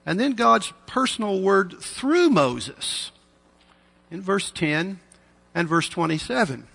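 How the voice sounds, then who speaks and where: Man at a pulpit microphone, gravelly. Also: high-pitched, animated, pushed and bright. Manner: measured, earnest, with dry asides. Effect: preaching into a pulpit microphone. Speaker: preacher. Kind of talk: sermon. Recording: long reverb of a large hall.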